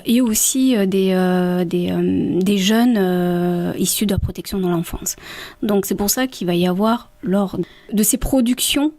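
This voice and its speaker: A woman explaining things in a radio interview, halting often as she searches for words. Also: mid-range voice, darkish tone, no room sound.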